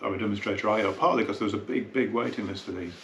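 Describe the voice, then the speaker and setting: Chatty hi-fi dealer, low voice. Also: male voice, fast talker, fairly bright tone, roomy sound. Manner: chatty, thinking aloud while handling the product. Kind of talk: casual unboxing talk. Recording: noisy room tone with clicks.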